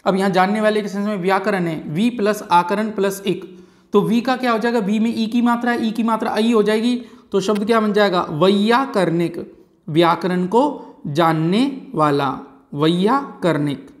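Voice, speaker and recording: In a grammar lesson for exam preparation, a man speaks in a high, steady voice. He slowly repeats the key words and often checks on his listeners with "है ना" and "ठीक है जी".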